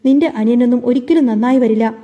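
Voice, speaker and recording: A woman voicing a furious middle-aged mother who shouts and scorns over the phone. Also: on the high side, quick pace, muffled recording, close to an everyday voice.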